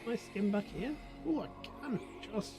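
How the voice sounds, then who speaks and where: A man's voice: high-pitched, expressive, normal speed, music in the background. A man giving casual, chatty commentary over his gameplay, sleepy and yawning, joking at his own expense as he talks to his chat. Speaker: gaming video creator.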